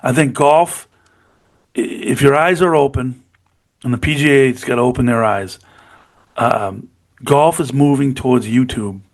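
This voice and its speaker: A middle-aged podcast co-host rambles eagerly about sports at an ordinary male pitch, a little slowly and with long pauses. He keeps repeating "you know what I mean," circling back to check the listener is following.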